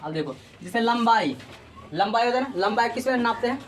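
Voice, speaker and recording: A woman's voice: fairly high pitch, expressive, brisk. A woman teaching a physics class, drilling students with repeated call-and-response questions. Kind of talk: classroom lecture.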